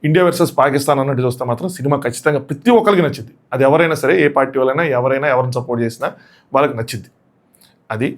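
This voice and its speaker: A man with a voice hoarse from shouting gives a casual, excited, rambling movie review and repeats his points. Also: medium pitch, rapid-fire.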